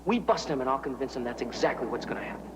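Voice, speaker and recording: A man's voice: medium pitch, animated, racing, noisy background, natural voice. An actor playing a cocky young male undercover cop in a 1980s TV drama, talking with an easy, wisecracking manner. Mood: insistent. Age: young adult. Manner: wisecracking, easygoing. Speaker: undercover cop posing as a college student.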